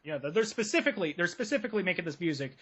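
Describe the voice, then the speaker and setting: A man co-hosting a podcast, chatting casually with sarcastic, animated commentary. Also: high voice, rapid-fire, dull audio. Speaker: podcast co-host.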